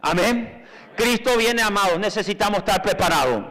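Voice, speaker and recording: Man, fervent sermon, high voice, long echo of the hall. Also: lively intonation, moderate pace. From Paraguay. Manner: fervent, calls out for the congregation to repeat phrases, rising to shouts. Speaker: preacher.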